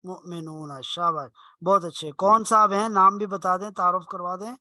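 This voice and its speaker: A man's voice: high voice, steady tone, pushed and bright, no room sound. A man teaching an online Arabic class, patiently explaining rules step by step and stretching out example words. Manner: drawn-out slow example words.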